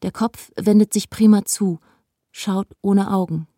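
A woman narrating a novel in a measured, calm storytelling voice. Her tone is dark and mellow. The studio sound is dry, with no room echo. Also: mid-range voice. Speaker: audiobook narrator. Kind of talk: scripted narration.

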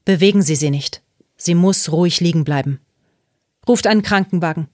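A woman's voice: on the low side, normal speed, a little mellow, dry recording, clean studio sound, close to an everyday voice. A woman reading Misses Dragon, a commanding homeowner. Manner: firm, commanding, trembling with anger. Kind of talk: audiobook character voice.

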